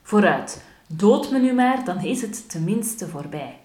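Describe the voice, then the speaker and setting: Young fairy-tale maiden, defiant, questioning, warm dark tone, voiced by a woman. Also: fairly low pitch, lively intonation, unhurried. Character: bold defiant village maiden. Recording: roomy echo.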